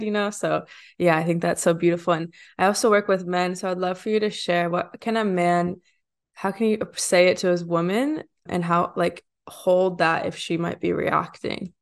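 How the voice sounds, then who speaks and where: A woman hosting a podcast interview, talking casually and affirming her guest while thinking aloud. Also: lowish voice. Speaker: podcast host.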